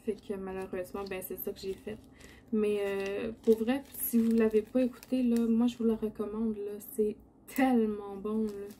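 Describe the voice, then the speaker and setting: A woman's voice: medium pitch, little pitch movement, moderate pace, warm tone, slight background noise. A woman with a Quebec French accent chats casually while crafting, rambling a little in a sleepy morning voice. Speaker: diamond painting video host. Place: indoor home craft setup.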